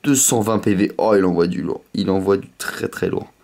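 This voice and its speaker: A man with a slight lisp hosting a casual unboxing, chatting in an excitable way. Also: deep voice, moderate pace, gravelly. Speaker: host of a card pack opening video.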